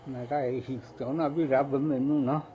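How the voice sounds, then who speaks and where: A man's voice: mid-range voice, steady tone, normal speed, dull audio, a little hiss or hum. An older man, speaking as an interviewee, tearful and grieving as he talks about his daughter-in-law.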